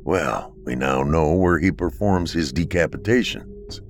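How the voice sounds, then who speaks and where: A man voicing a gruff veteran county sheriff in an audiobook, talking low and terse. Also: measured pace, soft background music.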